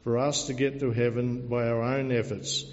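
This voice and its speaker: A man, a pastor, preaching an earnest sermon and telling a story to illustrate it, in a measured way. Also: mid-range voice, flat delivery. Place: church. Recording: dull recording, long church reverb.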